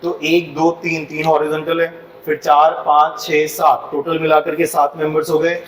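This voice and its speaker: Speaking at a moderate pace in a fairly high, monotone voice, an Indian-accented man lectures a civil engineering class, switching between Hindi and English and frequently checking whether the class is keeping up. The audio is poor, with a distant mic, roomy sound, and a little hiss or hum.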